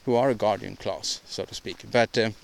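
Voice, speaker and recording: A man's voice: on the low side, gravelly, slight background noise. Rambling man on a solo podcast. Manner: halting, rambling, frequent restarts and repeated words; opinionated, ranting delivery. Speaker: podcast host.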